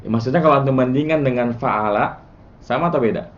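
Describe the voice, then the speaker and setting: A man teaching a casual class, quizzing his students and chanting word patterns in a relaxed, chatty way. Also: mid-range voice, fast, muffled recording. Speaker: Arabic morphology teacher.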